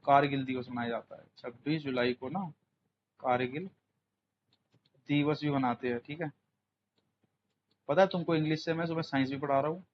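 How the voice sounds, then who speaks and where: A young man runs an exam coaching class, talking in casual Hindi laced with English words and firing questions at his students. His voice sits a little high. The audio is muffled and lo-fi, with faint room noise behind him. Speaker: English teacher.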